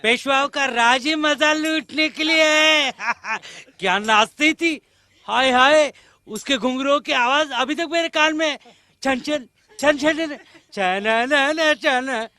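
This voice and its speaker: Lecherous old-regime nobleman, leering and mocking, shrill and dry-toned, played by a man. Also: slow pace, pushed and bright, dry recording, full character voice. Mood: leering, gloating. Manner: leering, mocking, laughing at others. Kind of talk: dramatic movie acting.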